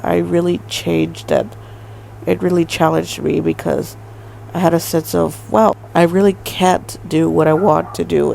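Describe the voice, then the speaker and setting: A woman's voice: fairly low pitch, gravelly, a little mellow, a little hiss or hum, poor audio. A woman in her twenties hosting a solo podcast, talking in a rambling way with lots of fillers and hedges. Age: 20s. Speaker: podcast host. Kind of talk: casual solo podcast monologue.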